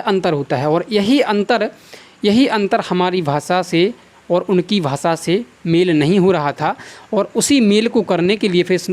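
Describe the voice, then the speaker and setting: A male teacher giving a Hindi grammar lesson with a North Indian accent. He asks the class questions, answers them himself and repeats each sound slowly for drill. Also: high voice, darkish tone. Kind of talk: classroom lecture.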